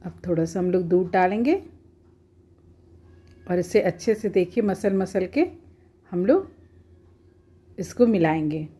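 A woman's voice: fairly low pitch, lively intonation, measured pace, pauses often, mellow, breathy edge. A woman at home, talking viewers through a cooking recipe step by step in a plain, homely, instructive way. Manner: homely, instructive, often says "dekhiye".

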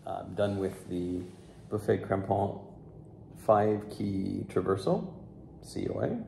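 A young man in his twenties, a flute restorer, talking casually to the camera about his work in a relaxed way with fillers. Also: deep voice, slow pace, creaky. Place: sunroom with large windows, indoors. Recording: echoey room with faint background noise.

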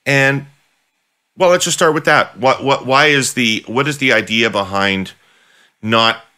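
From his bookshelf-lined home office, a middle-aged man hosts a podcast interview by video call and keeps digging with probing follow-ups. He talks a little slowly in a smooth, mid-range voice that sounds pushed and bright.

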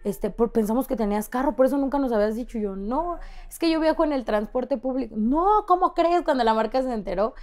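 Young Mexican woman, higher voice, chatty guest who acts out every quoted line. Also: quick pace, hardly any pauses, mellow. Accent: Mexican Spanish. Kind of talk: casual storytelling interview.

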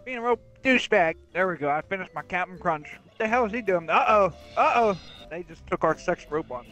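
A man's voice: high voice, lively intonation, brisk, lo-fi sound. Young guy gaming, crude jokes, voice bounces all over, faint music behind. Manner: crude joking banter, goofy shouts. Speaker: gamer. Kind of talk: casual gameplay commentary.

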